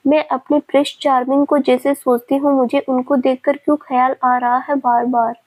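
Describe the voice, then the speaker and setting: A woman's voice: sits high, flat delivery, normal speed, darkish tone. Woman reading as a sweet pleading young daughter. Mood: wondering.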